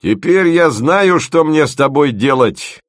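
A man's voice: lowish voice, sing-song, measured pace, dry recording, clean studio sound. A man voicing a bossy, motherly woman who leads an expedition and dotes on her team. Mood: bossy, doting.

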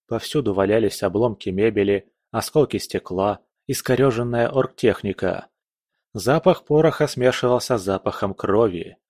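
Man narrating a fantasy audiobook, dry sound. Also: no room sound. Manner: raises pitch and volume for shouted dialogue lines.

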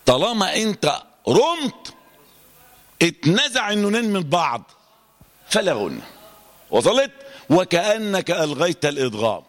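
Egyptian male recitation teacher, slightly high voice, reverberant hall. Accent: Egyptian Arabic. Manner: animated, quizzes students, chants verses slowly. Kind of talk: classroom lesson on tajweed.

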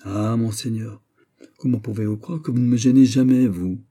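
A man's voice: on the low side, steady tone, normal speed, dark tone, lightly acted. A man voicing a flustered, fawning prison governor who stammers and tries hard to please, in a French audiobook reading.

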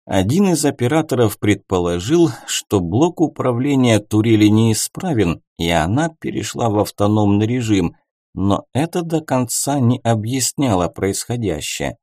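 A male audiobook narrator with a low, dark, mellow voice that rises and falls expressively. His reading is measured and closely miked, with a dry, close sound. He tells the story steadily in a scripted way. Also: expressive, dry recording.

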